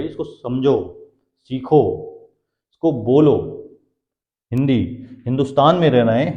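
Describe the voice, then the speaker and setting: A man with a slightly high, warm voice teaches Hindi grammar for exam preparation, asking questions, answering them himself, and repeating key terms. The classroom sound is dull and echoey.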